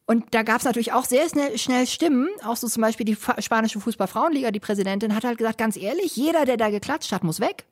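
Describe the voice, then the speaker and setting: In a casual interview report, a correspondent in Spain talks quickly in a slightly high voice, barely pausing. She's chatty and colloquial, spinning an animated story peppered with quoted, acted-out asides.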